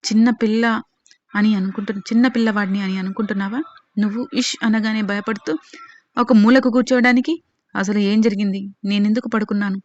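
A woman's voice: medium pitch, steady tone, a little fast, a little mellow, close to an everyday voice. A woman voicing a scheming middle-aged man who mocks and dismisses others, in a dull lo-fi recording. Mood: scornful. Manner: mocking, dismissive.

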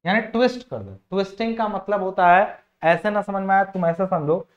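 High-pitched and a little fast, this man's lively intonation carries a chatty engineering class. He repeats phrases, questions his students, and uses English technical terms mid-sentence, with the recording sounding dull and lo-fi.

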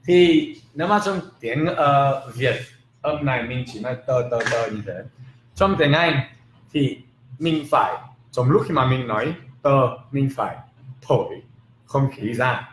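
Man teaching pronunciation in a roomy space. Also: mid-range voice. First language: not Vietnamese. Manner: lively, repeats example words slowly and emphatically. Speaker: English teacher. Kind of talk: casual video lesson in Vietnamese with English examples. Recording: roomy with faint background noise.

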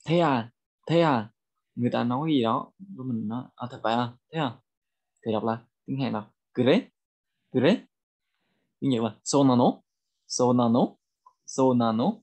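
A language teacher with a Vietnamese accent leads a bilingual vocabulary lesson, saying each phrase slowly so learners can repeat it. His voice sits at medium pitch with a darkish tone.

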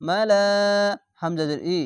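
A man teaching Quran reading, spelling out each letter and syllable and then drawing the joined word out slowly. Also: sits high, smooth, no room sound, studio quality. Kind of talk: spelling-out Quran recitation lesson.

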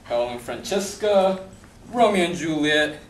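A young man plays a smug, mocking hooded Death bargaining for souls in an amateur stage play, his delivery sardonic and taunting. His voice sits a little high, animated and at a measured pace. It was captured by a distant audience camera on an indoor theatre stage, so it sounds echoey and far off with faint noise.

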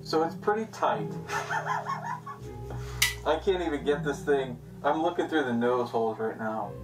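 A man's voice: fairly high pitch, huge pitch swings, slow. A man talking casually through a tight face mask, laughing at himself as he tries it on. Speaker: mask reviewer. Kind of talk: casual vlog review. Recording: distant from the mic, with music behind.

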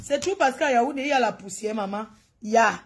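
A woman mocks someone in a video and talks straight at her in a scolding, teasing way. Her voice is fairly high and husky. She speaks as a gossip channel host giving running commentary. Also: animated, fairly quick. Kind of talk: mocking commentary over a video.

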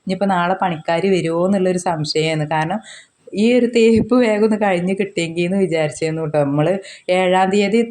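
A woman's voice: on the low side, a little fast. A woman from the region with a cold and sore throat, chatting casually to viewers while cooking in her home kitchen, filmed on a handheld phone. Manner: chatty, warm address to viewers as friends, frequent tag words. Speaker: vlogger, mother.

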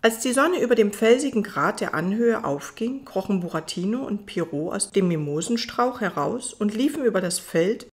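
A woman reading a fairy tale audiobook as its narrator, in a calm storytelling manner. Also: mid-range voice.

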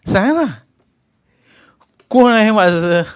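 A man's voice: fairly high pitch, a little slow, close to an everyday voice. A man voicing a despairing young stage actor who drinks, bitter and self-pitying. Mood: pleading. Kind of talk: audiobook character voice.

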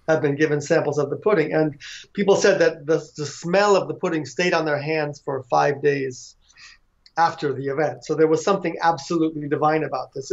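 A man telling a long story in conversation, loose and relaxed, with frequent fillers and restarts. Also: a little high, highs cut off. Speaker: author and devotee.

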